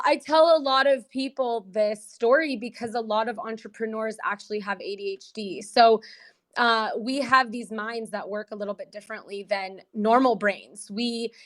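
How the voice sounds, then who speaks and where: A slightly high, somewhat bright voice belongs to a woman from the United States whose native language is Portuguese. Appearing remotely from Brazil as a podcast guest, she shares her story in casual interview style, upbeat and chatty and laughing between points.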